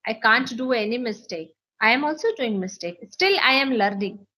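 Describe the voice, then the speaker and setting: Speaking at a normal pace with lively intonation, this woman has a high-leaning voice that sounds pushed and bright. In an interview, the Maithili-speaking English teacher with an Indian accent earnestly explains how to learn, echoing key phrases to stress them.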